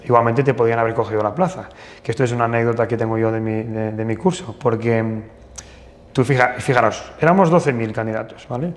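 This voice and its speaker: In a relaxed interview, a male plastic surgeon from northern Portugal tells anecdotes at a quick pace in a mid-range voice, stumbling through restarts and fillers. Long hall reverb colors the recording.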